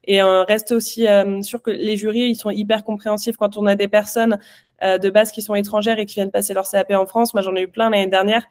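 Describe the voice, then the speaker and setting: A woman's voice: medium pitch, level tone, a little fast, darkish tone. A woman coaching pastry exam students in a live online Q&A, chatty and reassuring.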